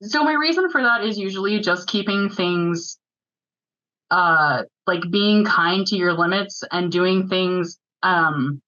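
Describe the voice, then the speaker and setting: A woman giving a technical presentation at a user group meeting, talking fast in a chatty way with filler words. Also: on the low side, bright, forceful tone, lo-fi sound.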